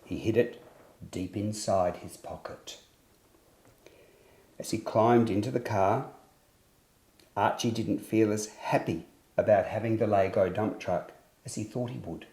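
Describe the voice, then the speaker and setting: With a lowish voice, a man acts as storyteller for a scripted children's story, phrasing it expressively and deliberately in a roomy, echoing space.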